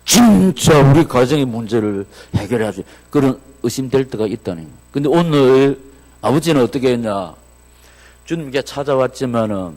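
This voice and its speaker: A male pastor preaching a sermon in a church, his voice climbing to shouted exclamations of praise. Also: medium pitch. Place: church sanctuary. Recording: long reverb of a church hall.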